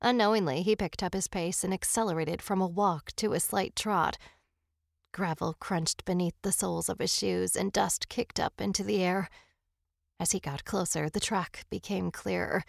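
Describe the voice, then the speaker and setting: A woman reading scripted story narration in a measured, steady way. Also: on the low side, creaky, no room sound, clean studio sound.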